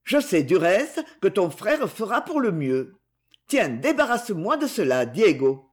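A woman's voice: medium pitch, big pitch swings, a little slow. A woman voicing a charming young male count, courteous yet imperious, in an audiobook. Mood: commanding.

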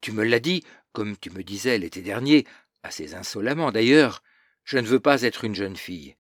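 A man's voice: lowish voice, animated, moderate pace, dry recording, clean studio sound. Man reading as a stern, preachy old aunt. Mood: lecturing. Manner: lecturing, moralizing, self-satisfied. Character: stern pious older aunt, sermonizing.

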